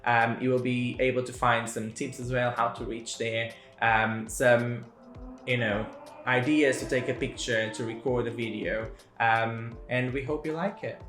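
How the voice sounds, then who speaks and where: A man co-hosting a travel vlog in casual chat, easygoing and quick to laugh. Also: medium pitch, fairly even intonation, a bit bright. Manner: chatty, laughs often, fillers and restarts. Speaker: travel vlogger co-host. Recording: echoey room with faint music.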